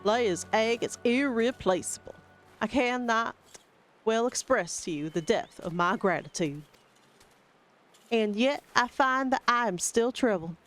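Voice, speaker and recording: A woman's voice: fairly high pitch, lively intonation, faint music behind. A woman voicing a stately, grave forest guardian. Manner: stately, old-fashioned phrasing, measured delivery. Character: formal, dignified forest guardian, grave and courteous. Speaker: game streamer reading dialogue aloud. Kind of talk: reading video game dialogue in character voices.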